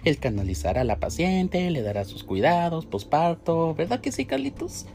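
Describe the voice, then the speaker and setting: A man's voice: on the high side, very animated, normal speed, voice pushed up. A man voicing a confident, bossy, teasing woman nurse in a storybook reading. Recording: faint music behind.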